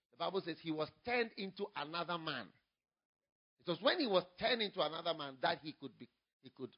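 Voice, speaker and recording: In a fairly high-pitched voice, a man preaching in Ghanaian English starts with quiet storytelling and rises to loud, emphatic proclamation. The highs are missing from the audio.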